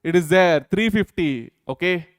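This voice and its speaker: Working through physics exam problems step by step, a man with an Indian accent keeps checking in with his students using repeated questions. His high voice comes at a normal speed, clear and resonant, captured dry and in studio quality.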